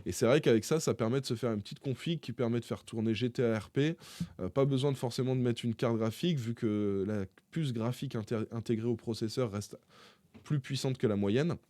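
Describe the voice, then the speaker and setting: A man presenting tech news to his viewers in a casual, chatty way, often pausing on fillers as he talks. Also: medium pitch, dark tone, no echo, clean studio sound. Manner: chatty, hesitant, frequent filler pauses; addresses viewers directly. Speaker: tech YouTuber.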